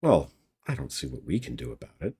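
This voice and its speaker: A man's voice: very deep voice, huge pitch swings, a little fast, darkish tone, breathy edge, pitched below the performer's own voice, heavily acted. A man voicing an earnest, simple young male watchman who guesses eagerly and sounds puzzled, in a read-aloud story.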